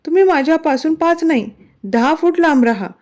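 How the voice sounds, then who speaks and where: A shy young wife pleads and grumbles in a slightly raised, mellow voice, as a woman reads her lines. The story is told like a storybook romance. The recording sounds dull and lo-fi. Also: high voice, expressive, fairly quick, voice pushed up.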